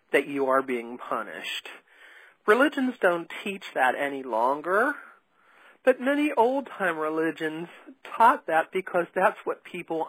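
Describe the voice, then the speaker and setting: A woman's voice: low-pitched, fairly bright tone, husky, no room sound, low-quality recording. A woman hosting a spiritual podcast interview, talking in an earnest, emphatic way. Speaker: podcast host.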